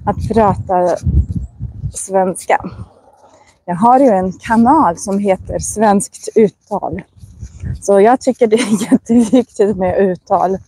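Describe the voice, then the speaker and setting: A woman with Russian as her first language, teaching Swedish in a casual walking vlog outdoors, enunciating words slowly and carefully and laughing often. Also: medium pitch, warm tone, husky. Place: outdoors on a residential walk.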